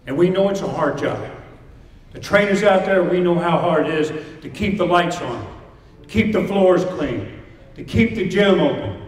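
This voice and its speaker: A man's voice: fairly high pitch, animated, normal speed. A man giving a rousing motivational pep speech to fighters, emphatic and built on repeated short phrases. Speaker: motivational speaker addressing fighters. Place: large indoor hall before an audience. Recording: echoey hall, distant mic, crowd present.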